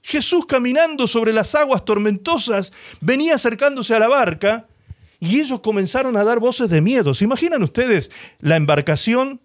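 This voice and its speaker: Spanish-speaking man preaching with lively pitch. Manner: expressive preaching, slows and rises for emphasis; dramatizes scripture, voicing the people in the story. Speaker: pastor. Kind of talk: sermon.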